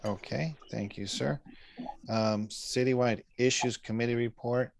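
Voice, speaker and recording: A man chairing a board meeting, calling up committee reports in a brisk, polite way. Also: mid-range voice, fairly even intonation, vocal fry, crowd noise.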